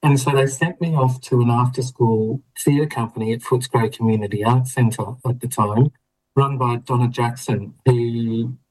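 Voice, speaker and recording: A man's voice: medium pitch, fairly even intonation, moderate pace, a little mellow, rough recording. A middle-aged Australian man, a guest in a casual interview, telling his story reflectively with a laugh now and then. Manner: reflective, laughing, many restarts.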